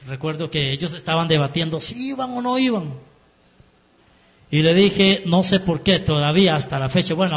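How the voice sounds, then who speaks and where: A man preaching his testimony in a sermon, turning emotional and rising to shouts at the peaks. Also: on the high side. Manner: emotional, rises to shouting at climaxes. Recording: dull sound in a reverberant hall.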